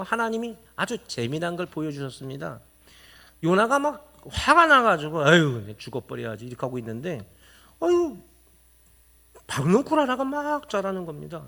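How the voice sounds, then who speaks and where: A male pastor delivers a sermon in a church, tossing out rhetorical questions to his congregation. His voice sits high and swings widely in pitch, keeping the preaching animated. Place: church sanctuary.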